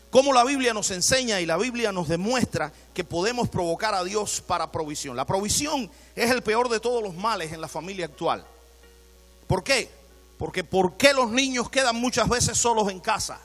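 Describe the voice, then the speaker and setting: A male pastor delivering an animated sermon in church, asking his congregation questions. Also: sits high, normal speed, faint music behind.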